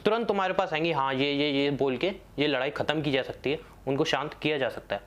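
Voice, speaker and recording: A man's voice: a little high, expressive, fast talker. A young man hosting a casual advice talk, speaking conversationally and often checking in with "theek hai". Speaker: host.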